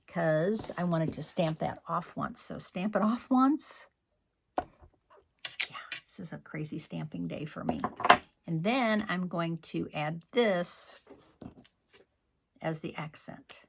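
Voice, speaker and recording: Man, card-making demo host, unhurried gravelly delivery, chatty and self-scolding. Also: a little high, noisy background. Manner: chatty, scolds himself and mutters asides. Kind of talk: crafting tutorial.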